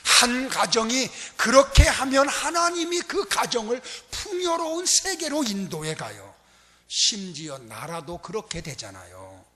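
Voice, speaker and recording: A man preaching a sermon as a pastor, emphatic, swinging between loud urgency and hushed, intimate asides. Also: sits high, very animated, unhurried. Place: church sanctuary. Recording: long reverb of a church hall.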